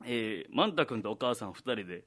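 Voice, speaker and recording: A man's voice: mid-range voice, expressive, fairly quick, fairly bright tone. A man hosting a casual chat, reading out comic panels and chuckling along. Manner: reads comic strip panels aloud, chuckling. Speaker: host.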